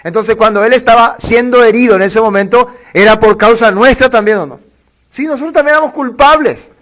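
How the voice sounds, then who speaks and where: Preaching to his congregation, this male pastor asks rhetorical questions and reads scripture slowly and deliberately. His voice is very high-pitched with a fairly bright tone.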